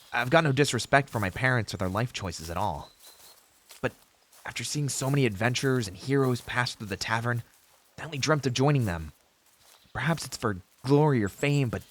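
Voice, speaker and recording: A man voices an earnest, idealistic young novice hero in a fantasy audio roleplay, using formal heroic phrasing broken by hesitant asides to a companion. His medium-pitched, slightly bright voice carries a sincere, wistful mood.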